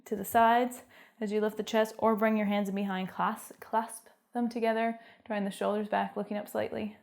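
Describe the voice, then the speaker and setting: Young canadian woman leading a home workout, cheery encouraging cues, calm stretch instructions. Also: medium pitch, normal speed, creaky. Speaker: fitness instructor.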